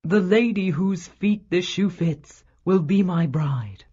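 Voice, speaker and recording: A woman voicing an earnest, lovestruck young prince in a children's storybook reading, lowering her voice for him, on a slightly dull recording. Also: takes it slowly, dark tone, slightly rough. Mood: proclaiming.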